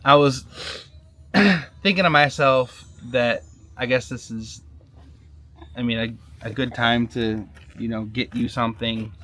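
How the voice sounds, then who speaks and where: A man talking casually in a sit-down vlog, halting and repeating words, often checking in with "right?". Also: mid-range voice, fairly bright tone. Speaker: vlogger, husband.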